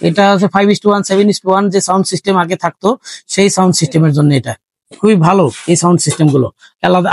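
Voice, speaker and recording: A man's voice: high voice, dry recording. A man casually walking through the parts of a gaming PC build, chatty and explaining as he goes, mixing in English tech terms. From Bangladesh. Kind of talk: casual hardware walkthrough.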